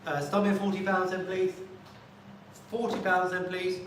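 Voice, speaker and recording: A man's voice: high-pitched, completely flat delivery, normal speed. A man working as an auctioneer in a live sale, politely calling lots and repeating bids in a rhythmic chant. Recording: very echoey room, distant mic, faint noise.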